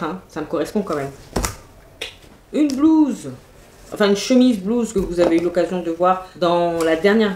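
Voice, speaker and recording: A woman's voice: mid-range voice, darkish tone. A woman, chatting enthusiastically through a makeup and clothes haul, full of fillers and asides. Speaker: beauty vlogger. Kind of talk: casual haul video chat. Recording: echoey room, faint noise.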